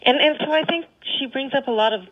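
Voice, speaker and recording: A woman's voice: high-pitched, quick pace. A woman explaining policy as an expert guest in a radio interview, over slightly muffled audio.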